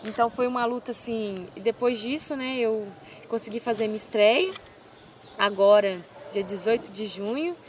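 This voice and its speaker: A woman's voice: on the high side, moderate pace. A woman in her twenties from Brazil, an MMA fighter telling her story in an interview with devout, emotional feeling. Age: 20s. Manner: emotional, devout, animated retelling. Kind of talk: casual interview.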